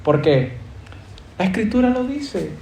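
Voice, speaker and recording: Male pastor, high mellow voice, earnest sermon, echoey church hall. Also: big pitch swings, unhurried, creaky. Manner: earnest preaching with rhetorical questions.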